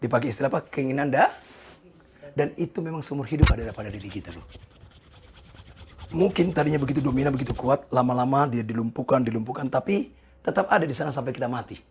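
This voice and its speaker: A pastor in his sixties preaching a sermon, animated and joking with the congregation, with a gravelly, husky voice. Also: medium pitch, fast, a little hiss or hum. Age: 60s. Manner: animated, jokes with the congregation, voices people in quoted asides.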